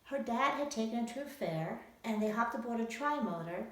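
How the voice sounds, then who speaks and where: A woman author presents her own book to young readers in an emphatic storytelling talk full of rhetorical questions. Her voice sits on the high side and comes across as animated and fairly quick. The recording is very echoey, with the microphone placed at a distance.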